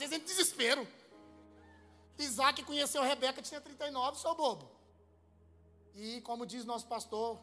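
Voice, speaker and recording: A man preaching with a high, light voice, mixing jokes and stories into his sermon. He talks in a lively, comic way and pushes his congregation loudly. Soft music plays faintly behind him. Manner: comic, lively storytelling that rises into loud exhortation. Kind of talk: humorous sermon storytelling.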